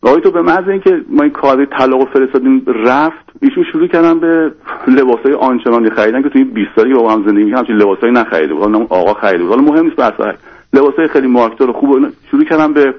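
Rambling man caller on lo-fi radio. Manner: rambling, acts out quoted lines in a higher voice. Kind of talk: telling a personal story on a call-in show. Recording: dull lo-fi radio sound.

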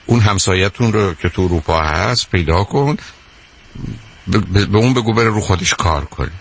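A man's voice: sits low, animated, a bit bright, slight background noise. A middle-aged man hosting a radio call-in advice show, answering a caller bluntly with sarcasm and teasing.

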